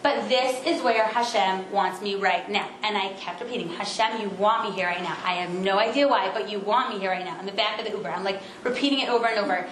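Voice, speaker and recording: A woman in her thirties giving an informal class to a group of women, telling stories in a chatty way with quick asides. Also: mid-range voice, fairly bright tone. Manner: chatty storytelling, fast asides, self-interrupting. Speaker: class speaker. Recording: roomy echo with faint background noise.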